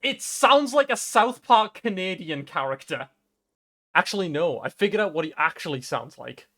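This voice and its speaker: Chatty, excitable male game streamer. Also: high voice. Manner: chatty, excitable, quick asides. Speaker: gaming streamer. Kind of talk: let's-play commentary.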